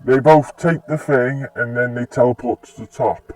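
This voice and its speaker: A man's voice: medium pitch, steady tone, moderate pace, a little mellow, no echo. A man casually retelling a fan-made story, rambling with restarts. Recorded on a distant mic.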